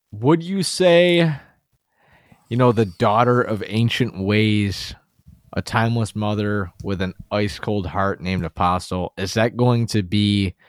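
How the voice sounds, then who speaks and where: A man with a lowish voice hosts a podcast in a relaxed, conversational way. He asks rambling questions padded with fillers. The recording is dry and close, with no echo. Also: smooth. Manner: loose, filler-heavy questions. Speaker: podcast host. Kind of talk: casual interview chat.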